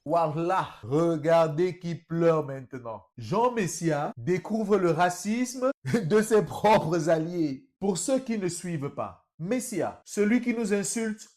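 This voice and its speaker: A man's voice: on the high side, lively intonation, slow pace, darkish tone. A man commenting on video clips in a mocking tone, speaking straight to his viewers. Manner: mocking, addresses viewers as brothers. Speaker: political commentator.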